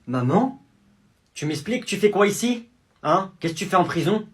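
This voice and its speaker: A furious mother hisses quiet threats at her son, dripping with sarcasm. A man plays her, keeping the voice low and menacing. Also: very animated, normal speed, husky, heavily acted.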